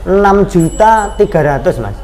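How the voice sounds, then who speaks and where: A man's voice: high-pitched, very animated, measured pace, darkish tone. A man in his thirties with a Javanese accent, a cattle trader telling his career story plainly in a casual interview. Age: 30s. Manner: plain-spoken, addresses host as Mas, filler-heavy.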